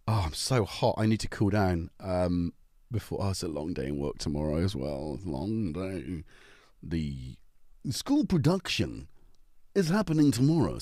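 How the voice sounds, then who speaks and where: On the low side and slightly mellow, the voice belongs to a middle-aged North Welsh man hosting a livestream from home. He jokes around and greets his viewers by name in a relaxed chat, his accent clearly North Welsh, with studio-quality sound and no room echo.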